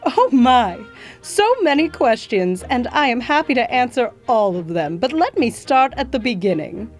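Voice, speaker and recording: A woman acting as a gracious, proud nurse from history, speaking in a genteel, motherly way. The voice sits fairly high and moves a lot in pitch. Soft music plays faintly behind. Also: big pitch swings, measured pace. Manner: genteel, calls listener "my dear" and "darlings". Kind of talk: scripted educational acting.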